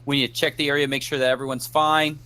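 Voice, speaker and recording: A man's voice: mid-range voice, little pitch movement, fast, bright, forceful tone, voice pushed up, natural voice. A man voicing a stern, upset female police officer who barks commands at a tabletop game table. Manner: barking commands.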